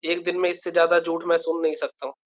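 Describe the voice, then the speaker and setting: A man's voice: on the high side, flat delivery, quick pace, dull audio. A male math teacher giving a live online lecture, explaining a problem step by step and often checking that students follow.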